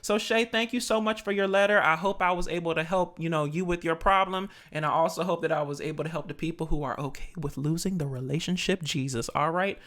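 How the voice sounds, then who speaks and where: A man in his thirties with a naturally high voice, hosting his own casual podcast in an animated, sassy way. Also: quick pace, hardly any pauses. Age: 30s. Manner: animated, sassy, with playful exclamations. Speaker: podcast host.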